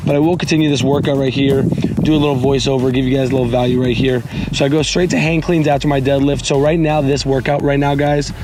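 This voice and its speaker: Hoarse, raspy man coaching workouts. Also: very noisy. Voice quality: raspy, strained, squeaky breaks. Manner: informal, addresses viewers as guys, repeats instructions. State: hoarse, lost his voice from screaming. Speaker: fitness coach hosting a workout show. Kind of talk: casual instructional workout voiceover.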